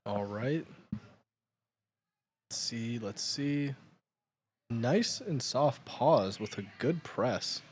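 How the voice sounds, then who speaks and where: A man giving excited live commentary at a powerlifting meet, calling each lift and its result. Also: mid-range voice, very slow, long pauses, husky. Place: powerlifting gym.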